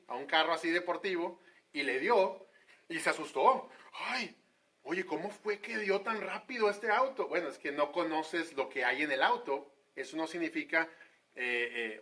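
A man's voice: on the high side, sharp tone. A man from Monterrey, Mexico, preaching a sermon in a conversational way, with frequent hesitations.

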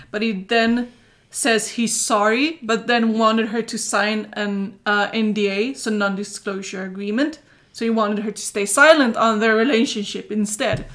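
A woman hosting a casual chat, recounting events with plenty of fillers. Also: a little high. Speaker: host recounting a story.

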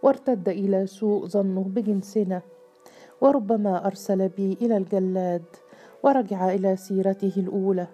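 A woman's voice: mid-range voice, fairly quick, mellow, soft background music, lightly acted. A woman reading the part of a wise young queen who worries over a secret, in a storybook tale. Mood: worried. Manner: earnest, worried.

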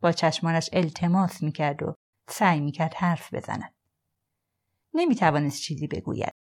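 A woman narrating an audiobook in a calm, even storytelling voice. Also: sits low. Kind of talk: scripted narration.

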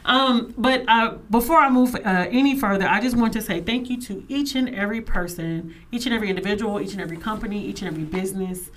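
Brief: woman, talk show host, emphatic and animated, near a studio mic. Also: mid-range voice, quick pace, few pauses. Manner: emphatic and animated, says she sounds aggressive. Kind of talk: casual talk show chat. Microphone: studio microphone.

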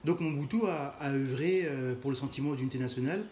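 A man's voice: medium pitch, fast talker, a little mellow, slight background noise. Man hosting in an echoey room. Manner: frequent fillers and agreeing murmurs. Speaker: podcast host. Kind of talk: casual interview. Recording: echoey room with faint music.

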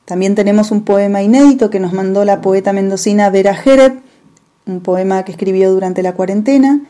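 A woman hosting a radio culture program, announcing songs and poems with clear, informative introductions. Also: mid-range voice, steady tone, brisk, dark tone.

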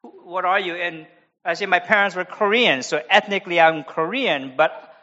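A man's voice: high-pitched, normal speed, bright, forceful tone, dull audio. A man from America with an American accent, preaching an expository sermon with conversational asides. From United States. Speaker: pastor.

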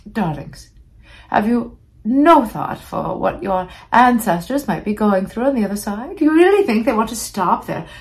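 A woman's voice: medium pitch, big pitch swings, normal speed. A vain phantom starlet of old Hollywood, holds court on a comic podcast. She is theatrical and arch, with the campy grandness of a drag queen. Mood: gossipy, grand. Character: campy vain old-time Hollywood movie-star ghost, female. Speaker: podcast host. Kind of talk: comic in-character podcast monologue.

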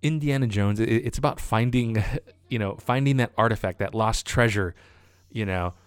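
A man's voice: lowish voice, moderate pace, clean tone, dry recording. A man in casual podcast chat, hesitant, stammering over repeated words and fillers. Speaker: podcast co-host.

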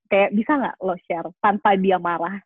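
A woman's voice: medium pitch, expressive, slow, slightly rough, dry recording. A woman hosting a casual podcast interview, often agreeing, with hesitant fillers and English phrases mixed in. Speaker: podcast host. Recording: dry tinny phone-like line.

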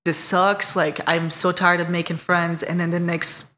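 A podcast guest from Iraq recounts her life with warmth and candor, often laughing at herself in a relaxed interview. She speaks a little slowly, her fairly low voice flat in delivery, and there's slight background noise.

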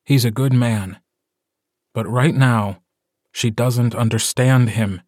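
A man narrating a short story as an audiobook, in a calm, measured storytelling voice. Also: mid-range voice, dry recording, clean studio sound.

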